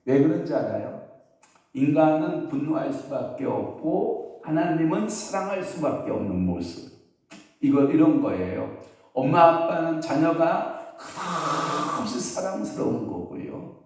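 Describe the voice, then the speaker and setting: A man's voice: a little high, lively intonation, unhurried, darkish tone. A man preaching as pastor at an early-morning sermon, telling stories and putting questions to the congregation. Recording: very echoey hall, voice from a distance.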